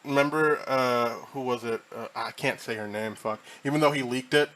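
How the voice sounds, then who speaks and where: A man's voice: mid-range voice, moderate pace, a bit bright. A man hosting a casual podcast chat, swearing, joking and rambling with many restarts. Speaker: host.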